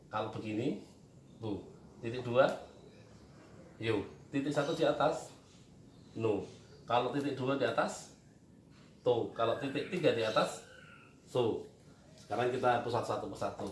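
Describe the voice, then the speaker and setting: A man teaching Quran reading at a board, patiently asking questions and answering them himself. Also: medium pitch. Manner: patient, repetitive, asks and answers his own questions. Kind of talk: whiteboard reading lesson. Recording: echoey room, distant mic, faint noise.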